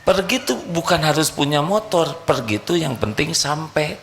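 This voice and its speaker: A man's voice: a little high, sing-song, normal speed, vocal fry, a bit bright, a little hiss or hum. A male preacher, giving a sermon and playfully quizzing his audience. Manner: playful, questioning the audience directly.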